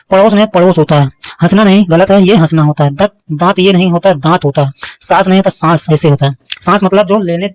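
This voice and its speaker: A man's voice: high voice, darkish tone, no room sound, poor audio. A man teaching a Hindi grammar lesson, repeating each word and often checking that students understand. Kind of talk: online lesson explaining spelling mistakes.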